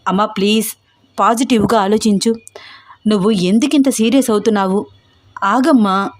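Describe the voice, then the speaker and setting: A woman's voice: mid-range voice, fairly even intonation, moderate pace, natural voice. A woman voicing a troubled young man who pleads anxiously with his mother. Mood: pleading.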